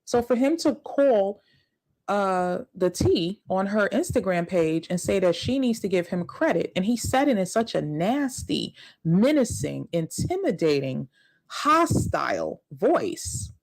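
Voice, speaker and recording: A woman talks through a casual YouTube commentary in a middle-pitched voice. She sounds indignant and stacks up words for emphasis. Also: very animated, unhurried, a little mellow, rough recording.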